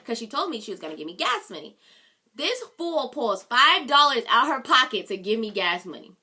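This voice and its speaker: Bright-voiced young woman telling a story. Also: fairly high pitch, fairly quick, breathy edge. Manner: animated, exasperated storytelling with slang. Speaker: vlogger. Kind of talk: storytime vlog.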